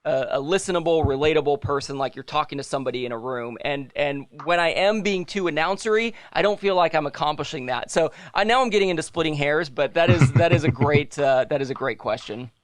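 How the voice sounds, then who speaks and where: A man's voice: a little high, quick pace, hardly any pauses, no echo. A young man co-hosting a podcast in casual chat, rambling and correcting himself, often laughing. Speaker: podcast co-host.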